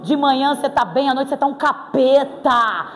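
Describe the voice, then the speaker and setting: A woman with a Brazilian Portuguese accent preaching a sermon in a church, playful and animated, with sudden exclamations. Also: sits high, moderate pace. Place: church hall. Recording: reverberant hall with faint music.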